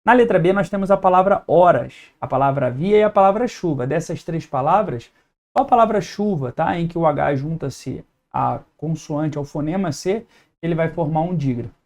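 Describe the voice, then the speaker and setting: A male teacher with a Brazilian Portuguese accent, his voice sitting a little high for a man. He walks through an exam-prep lesson at a whiteboard, step by step. He keeps checking that his students are following. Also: lively intonation, normal speed, darkish tone. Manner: explains step by step, checks in with "tá?" and "beleza?".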